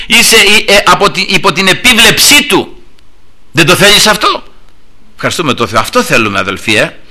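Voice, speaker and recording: A man delivers an impassioned sermon in a high, very bright and cutting voice. He moves between quiet, intimate asides and loud, shouted praise. Throughout, he keeps calling his congregation "brothers" as a refrain. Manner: repeats "brothers" and "thank God" as refrains. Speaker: preacher. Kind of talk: Pentecostal-style sermon.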